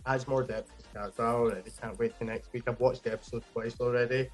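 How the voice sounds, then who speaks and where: A man hosting a casual pop-culture podcast, talking with enthusiasm in quick bursts. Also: mid-range voice, steady tone, soft background music. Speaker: podcast host.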